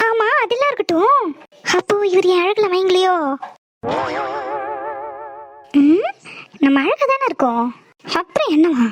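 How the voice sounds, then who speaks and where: A woman playing a coaxing young wife and sister. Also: very high-pitched. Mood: fretting. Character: young married woman, vain but stubborn, caring elder sister.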